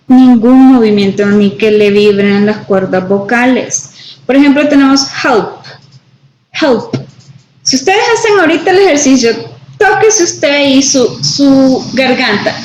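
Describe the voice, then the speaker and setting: Slow-paced woman teacher explaining patiently. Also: high-pitched, darkish tone, slight background noise. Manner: slow, explanatory, checks in with "right?" and "¿verdad?". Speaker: English teacher. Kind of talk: classroom lesson, mixing Spanish and English. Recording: echoey room, dull lo-fi sound.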